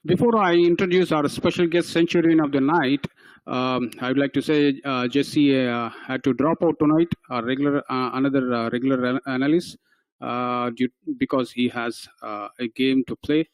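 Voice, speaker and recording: A man's voice: mid-range voice, fairly even intonation, normal speed, dry recording, rough recording. A man hosting a casual radio sports talk show, who often stops and restarts his sentences.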